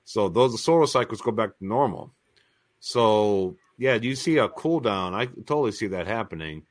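A man's voice: lowish voice, expressive, normal speed. A man co-hosting a live stream, talking earnestly and emphatically about prophecy timelines, often repeating his phrases. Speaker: co-host of a prophecy talk stream. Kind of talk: casual live-stream discussion.

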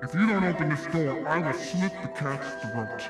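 A man's voice: on the high side, lively intonation, normal speed, voice pushed up, lightly acted. Horror-story demon in a girlfriend's body played by a man, distant and echoing, falsely sweet yet menacing. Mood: sinister threat. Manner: coaxing imitation of a woman, turning sinister. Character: demon possessing a sleeping girlfriend, coaxing then menacing. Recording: echoey, distant, over music.

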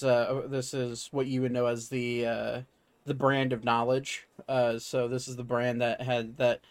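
A man narrating a tabletop game as game master, halting with many fillers. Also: medium pitch.

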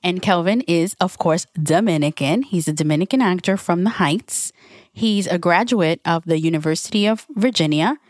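A woman's voice: lowish voice, moderate pace, no echo, clean studio sound. A woman co-hosting a podcast, upbeat and slangy in a casual chat. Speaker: podcast co-host.

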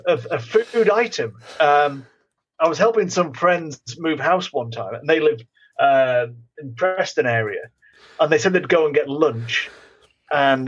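A man cohosts a podcast and teases in wry, dry asides. His voice sits a little high and sounds husky, and the recording is somewhat dull. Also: a bit bright. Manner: wry, teasing interjections. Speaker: podcast co-host. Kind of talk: casual chat.

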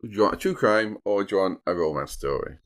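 A man's voice: fairly low pitch, lively intonation, fast. A man hosting a true crime podcast, moving between casual banter and storytelling, with a dry, teasing humour. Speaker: podcast host.

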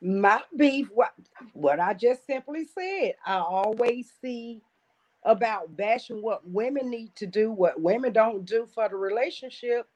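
Woman calmly defending her view. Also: fairly high pitch, measured pace. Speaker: podcast co-host. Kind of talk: casual podcast debate.

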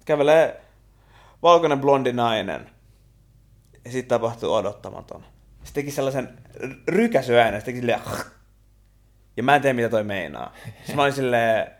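A young man, co-hosting a podcast and telling stories in an animated, slangy casual chat. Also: medium pitch. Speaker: podcast co-host.

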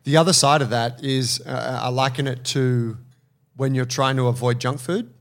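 Male podcast co-host, profane and lively, plays out inner monologues, average pitch. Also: normal speed. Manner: swearing, animated, acts out inner voices. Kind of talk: casual podcast chat.

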